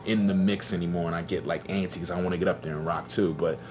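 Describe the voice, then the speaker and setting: Laid-back deep-voiced man in his thirties. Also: fast, over music. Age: 30s. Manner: relaxed, rambling, laughs often, heavy fillers and slang. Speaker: musician guest. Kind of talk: casual conversation.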